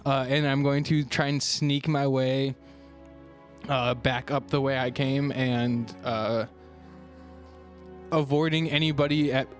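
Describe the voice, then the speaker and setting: A man talks casually as a tabletop player, restarting his sentences and laughing along. His voice sits at an ordinary middle pitch. Faint music plays underneath. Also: fairly even intonation, takes it slowly, pauses often. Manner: hesitant, full of restarts, laughs. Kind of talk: casual tabletop game chat.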